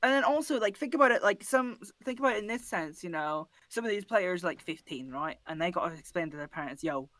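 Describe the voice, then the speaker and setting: Man, high voice, bright and forceful, dry close sound, animated, swears, casual podcast chat. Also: quick pace, hardly any pauses, no room sound. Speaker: podcast co-host.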